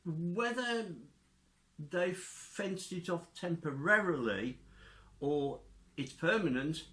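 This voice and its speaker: A man's voice: a little high, lively intonation, slow, a bit bright, roomy sound. A man vlogging in a casual, chatty way, with dry, joking humour. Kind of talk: casual chat and outdoor walk-along commentary.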